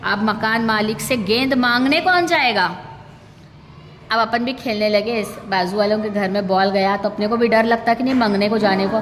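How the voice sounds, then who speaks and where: A woman's voice: medium pitch, normal speed, long reverb tail, slight background noise. A woman teacher telling a story to young children, acting out the characters and asking the class questions. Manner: lively, voices the characters and asks the class questions. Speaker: primary school teacher.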